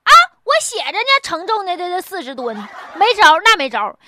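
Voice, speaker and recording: High-pitched woman with Northeastern Chinese accent. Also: big pitch swings, brisk, heavy background noise. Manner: blunt, mocking, colloquial, with rhetorical questions. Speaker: host. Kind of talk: casual humorous news commentary.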